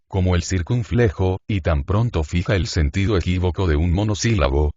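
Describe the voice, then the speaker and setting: A man with a very low voice reads a philosophical essay aloud in a measured, even way, like an audiobook narrator. The recording is dry and a little dull, with no room sound around the voice. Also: no echo.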